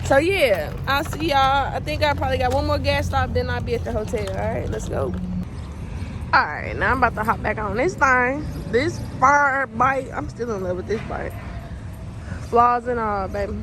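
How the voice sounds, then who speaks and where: Female road-trip vlogger, high-pitched, informal and chatty, loud outdoor background noise. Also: moderate pace. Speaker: motovlogger. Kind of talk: casual vlog chat. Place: outdoors at roadside stops.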